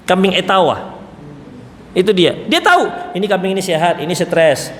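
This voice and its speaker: A male preacher giving a mosque sermon in a lively way, with joking asides and acted-out quotes. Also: high voice, normal speed. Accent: Indonesian. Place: mosque hall. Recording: echoey hall, faint room noise.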